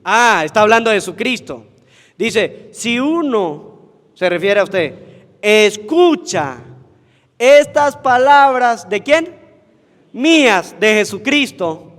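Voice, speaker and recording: A priest preaches at Mass in a high, carrying voice. He keeps asking the congregation questions and answering them himself. The long reverb of the church rings behind him. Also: lively intonation, slow pace, fairly bright tone. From Venezuela. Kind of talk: sermon at Mass.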